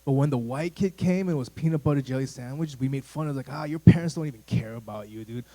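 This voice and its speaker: Speaking fast with a warm, medium-pitched voice, this man is recorded roughly. He's a youth pastor in his thirties from the United States, rambling casually to a church youth group in a church room, with lots of fillers and asides.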